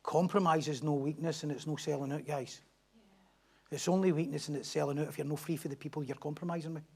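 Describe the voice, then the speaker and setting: Pastor preaching emphatically. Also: male voice, on the high side, fairly even intonation, quick pace, creaky, darkish tone, breathy edge. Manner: emphatic, repetitive preaching with rhetorical questions. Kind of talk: sermon.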